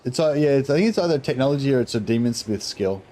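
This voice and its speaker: A man's voice: mid-range voice, lively intonation, fast, dark tone, faint music behind. A man with a broad New Zealand accent giving casual gameplay commentary in a laid-back, sweary, rambling way. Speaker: gaming streamer.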